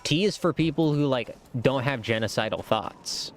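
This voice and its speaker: A man's voice: medium pitch, moderate pace, a little hiss or hum. A young man streaming a game, chatting casually while he plays. He sounds sleepy, yawns, swears freely and laughs at his own rambling jokes. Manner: laid-back, swears, laughs often, rambling asides. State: sleepy, yawning.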